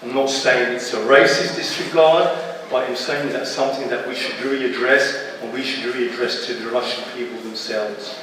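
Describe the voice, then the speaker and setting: A man's voice: mid-range voice, steady tone, fairly quick, a bit bright, slight background noise. A man in his fifties from Britain speaking on a public panel, emphatic, with apologetic asides and a repeated "yeah". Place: large exhibition hall, indoors. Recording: distant mic in an echoey hall.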